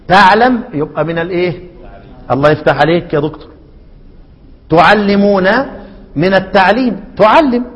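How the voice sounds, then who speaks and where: A man with an Egyptian accent teaching a recitation lesson, often asking his students rhetorical questions and repeating key words. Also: high voice. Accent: Egyptian Arabic. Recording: lo-fi recording in a reverberant hall.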